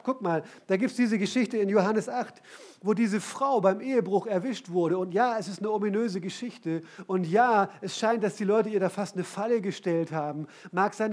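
A man preaching a sermon as pastor, talking in a conversational, animated way and often asking the congregation direct questions. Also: high-pitched.

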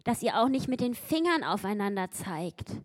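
With a mid-range, highly animated voice at normal speed, a woman preaches emphatically, bringing biblical quotes to life with ever-rising intensity.

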